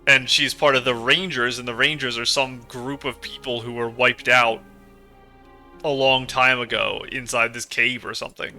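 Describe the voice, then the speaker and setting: Male let's play host: strikingly crisp, bright tone, casual, speculative commentary. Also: medium pitch, little pitch movement, normal speed, soft background music. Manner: musing, speculating aloud.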